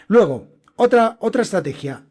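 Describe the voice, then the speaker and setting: A man's voice: high voice, animated, moderate pace, darkish tone. A man from hosting a casual solo podcast lesson, chatty and emphatic, often checking in with "¿vale?". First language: Spanish. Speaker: podcast host and Spanish teacher.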